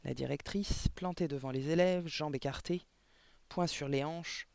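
Male storybook narrator, expressive, higher pitch, dry booth sound. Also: measured pace, gravelly, clean tone, no room sound. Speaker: audiobook reader.

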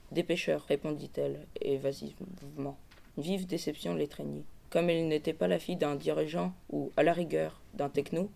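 A man with a very gravelly, rather high voice presents a novel on a radio show. He reads a long excerpt aloud, then hesitates and pauses often while giving his opinion. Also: dark tone. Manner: hesitant, many fillers. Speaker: book columnist. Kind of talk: book review with read-aloud excerpt.

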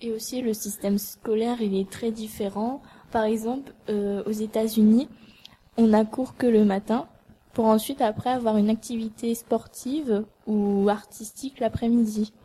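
A woman's voice: fairly high pitch, steady tone, normal speed, warm tone, slight background noise, low-quality recording. A woman student guest explaining matter-of-factly on school radio.

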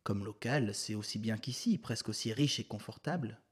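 A man's voice: on the low side, moderate pace, slightly rough. A man voicing a polite, earnest male secretary guiding a visitor, courteous and explanatory.

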